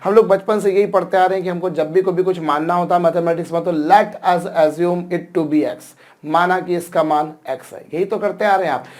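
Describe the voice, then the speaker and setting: Higher-pitched male teacher quizzing students. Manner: addresses students repeatedly, asks and answers his own questions. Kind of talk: classroom lecture.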